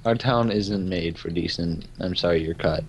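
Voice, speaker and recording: A man's voice: deep voice, moderate pace, noisy background. A man chatting with friends while playing a video game, sarcastic and nitpicky. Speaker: Minecraft player, channel co-host. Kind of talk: casual gaming chat with friends.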